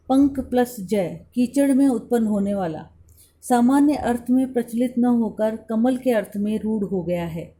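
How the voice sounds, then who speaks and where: A woman college lecturer from India giving a scripted lesson, spelling out letters one by one in a slow, deliberate way. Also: on the high side, mellow.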